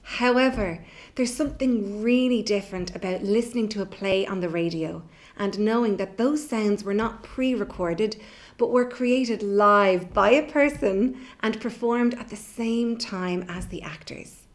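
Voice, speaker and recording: A middle-aged woman with a medium-pitched voice speaks a little slowly as she presents a children's theatre workshop. She explains things simply and encourages the kids while leading warm-up exercises in an instructional video. It was recorded indoors in a bare room at home, and the room echoes.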